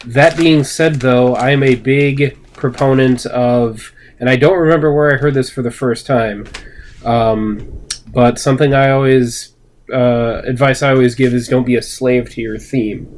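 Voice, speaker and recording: A man chatting casually about his own card game deck, quick and hesitant with restarts. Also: mid-range voice, steady tone, darkish tone, a little hiss or hum. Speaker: deck owner and podcast co-host.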